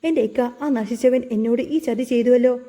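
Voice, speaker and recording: A woman's voice: fairly high pitch, moderate pace, warm tone, lightly acted. A woman voicing a mother who sobs and laments over her son. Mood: lamenting. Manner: sobbing, lamenting. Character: grieving sobbing mother.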